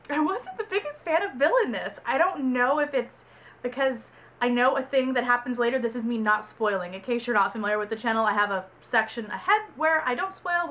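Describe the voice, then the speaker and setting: A young Texan woman reviews a book she read in a casual vlog, rambling and correcting herself as she talks. Her fairly high voice sounds bright and forceful.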